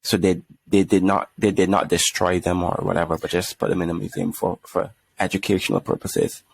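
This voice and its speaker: A man's voice: low voice, steady tone, fairly quick, gravelly, a little hiss or hum. A man with a Barbadian accent in casual conversational discussion on a podcast. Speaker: podcast speaker.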